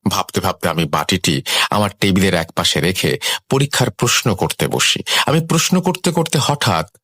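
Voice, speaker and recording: A man narrating a first-person horror story in an expressive, suspenseful way. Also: low-pitched, normal speed, husky, dry recording.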